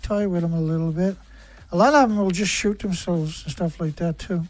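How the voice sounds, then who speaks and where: A livestream host with a high voice delivers an angry, profane rant at normal speed, hammering away with rhetorical questions. There's no echo, and faint music plays behind him.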